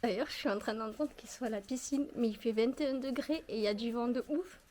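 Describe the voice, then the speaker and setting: A woman's voice: a little high, fast, darkish tone, slight background noise. A young woman from the Perpignan area with a southern French accent, chatting casually to her viewers as she goes about chores on her terrace. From southern France, Perpignan area. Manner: chatty, self-mocking, talks to the viewers while doing chores. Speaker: vlogger. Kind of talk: casual chat. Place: outdoors on a home terrace.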